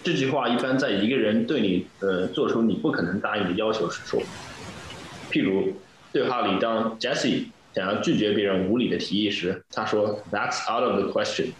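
Brief: patient male English teacher, low voice, strong room echo. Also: normal speed, slight background noise. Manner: reads dialogue lines, then explains patiently. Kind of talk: explaining English phrases in Chinese. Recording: very echoey room.

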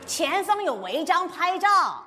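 A woman playing a brash, sharp-tongued landlady as a scolding comic navigation voice. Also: very high-pitched, very animated, slow pace, in a large hall, soft background music, exaggerated voice. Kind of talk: comedy sketch stage acting.

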